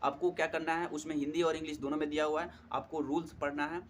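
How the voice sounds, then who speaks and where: A man's voice: on the high side, little pitch movement, fast, slight background noise. A young man giving friendly, casual study advice as a tutor, often addressing listeners as friends and using many fillers. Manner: friendly, repeats "theek hai doston", many fillers. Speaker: exam prep tutor.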